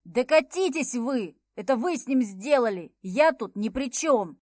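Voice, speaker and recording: A woman's voice: medium pitch, measured pace, dry recording, clean studio sound, lightly acted. A woman voicing a cowardly young man who shrieks and pleads in panic. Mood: panicked.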